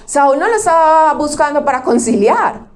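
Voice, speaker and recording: A woman's voice: sits high, very animated, normal speed. A woman pastor preaching conversationally, often asking the audience questions and acting out quotes. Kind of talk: sermon.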